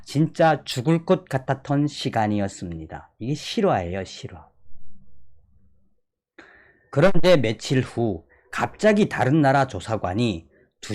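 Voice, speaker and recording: A man reading a long letter aloud in an earnest, dramatic way, with sudden shifts between loud and soft. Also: mid-range voice. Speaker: channel host.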